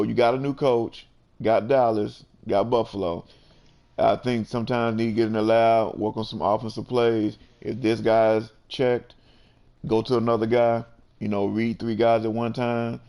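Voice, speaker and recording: A man's voice: mid-range voice, warm tone. A man hosting a casual sports chat, laid-back and peppering his talk with "you know". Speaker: host.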